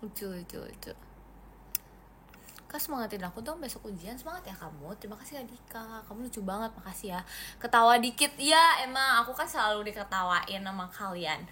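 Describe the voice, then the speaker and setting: Brisk and expressive, with a fairly high pitch and a sharp tone, a seventeen-year-old Indonesian livestream host reads comments and thanks viewers one after another, weaving in English phrases. A little hiss or hum is audible.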